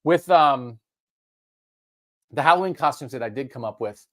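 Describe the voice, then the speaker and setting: A man co-hosting a casual sports talk show, animated and jumping up in pitch to stress points. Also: normal speed, dry recording, clean studio sound. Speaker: co-host.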